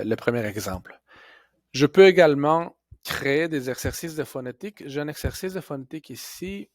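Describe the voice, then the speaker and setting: Guy w explaining a program slowly, lots of euh, dry mic. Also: medium pitch, dry recording. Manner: slow, step-by-step explaining with fillers and self-corrections. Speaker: teacher. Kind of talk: software tutorial screencast.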